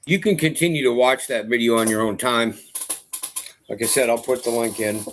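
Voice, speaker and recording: A man's voice: medium pitch, normal speed, a little hiss or hum. A middle-aged man hosting a casual commentary vlog, talking to his audience in a rambling, conversational way. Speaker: host.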